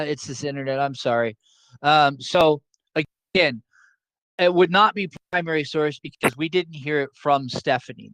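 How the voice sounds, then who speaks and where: Over a video call, a man teaches a class in a relaxed, jokey style, going over his points more than once so they stay simple. His voice is a little high and somewhat bright. The audio is poor, though it has no echo.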